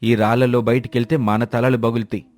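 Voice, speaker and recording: Man voicing a kind village farmer, mid pitch, earnest, steady, cartoon story. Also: brisk, soft background music, natural voice. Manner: steady, earnest, shouts commands when urgent. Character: cautious, kind-hearted village farmer, middle-aged.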